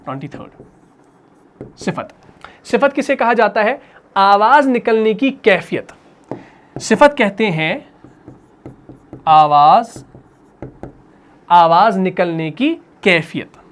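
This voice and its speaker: A man teaching a recitation class, patiently asking questions and answering them himself, repeating each term slowly. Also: high voice, animated. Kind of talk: classroom lesson.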